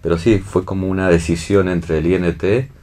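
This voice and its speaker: This Argentine-accented theatre and film director talks about his work in a relaxed interview, his voice sitting low with a steady, dark tone at a moderate pace. He keeps seeking agreement through tag questions.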